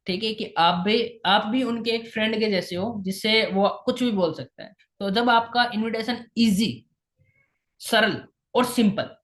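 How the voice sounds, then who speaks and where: A woman's voice: mid-range voice, a bit bright, roomy sound. A woman teaching how to invite people, repeating key points and dropping in English phrases. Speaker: sales trainer. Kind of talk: instructional talk on invitation skills.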